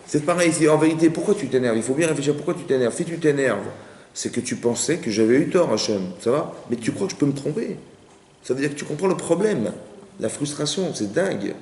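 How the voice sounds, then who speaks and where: Fast-talking rabbi in an echoey hall. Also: male voice, fairly high pitch. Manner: animated, asks the audience questions and acts out little scenes. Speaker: rabbi teaching a Torah class. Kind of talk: lively Torah lesson with audience questions. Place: community center hall. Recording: echoey hall with faint noise.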